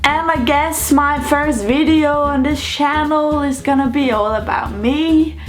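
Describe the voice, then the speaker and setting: Girl chatting to her camera, high bright voice, goofy and bubbly, faint music behind. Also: measured pace. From Denmark. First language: Danish. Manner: bubbly and playful, jokey asides. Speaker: vlogger. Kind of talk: casual vlog to camera.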